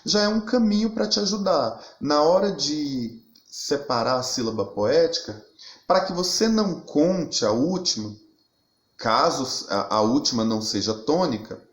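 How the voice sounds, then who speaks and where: A man's voice: on the high side, expressive, measured pace, echoey room. A man teaching a recorded video lesson, explaining step by step and often restarting his phrases.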